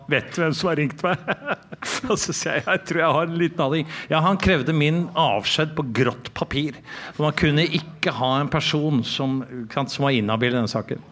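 En mann som forteller livlig. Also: male voice, a little high. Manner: lively anecdotes, swears, laughs while telling. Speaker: drummer and podcast guest. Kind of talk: casual storytelling. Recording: faint ambient noise.

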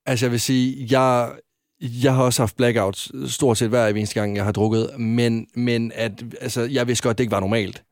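A man's voice: mid-range voice, little pitch movement, a little mellow, dry recording, studio quality. A young man in a casual podcast chat, curious and asking follow-up questions.

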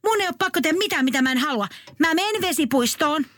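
A woman's voice: sits high, expressive, fairly bright tone. A woman voicing a spoiled, demanding little girl in a comic radio story, whiny and stubborn.

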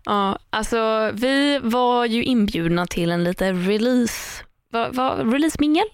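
A woman's voice: on the high side, clear, resonant tone, no room sound, studio quality. A woman co-hosting a casual podcast chat, talking in a loose, rambling way with lots of fillers and restarts. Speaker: podcast co-host.

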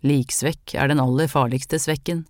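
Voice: medium pitch, steady tone, darkish tone, no echo, studio quality, natural voice. An audiobook reader voicing a stern old woman folk healer who gives brusque, matter-of-fact orders. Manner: gruff, matter-of-fact commands. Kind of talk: audiobook character reading.

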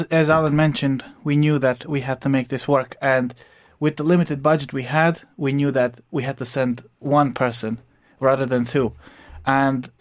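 A young man with a Croatian accent and a mid-pitched voice speaks as a radio studio guest. He tells his story at a steady pace with a few fillers along the way. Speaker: interview guest. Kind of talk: radio interview.

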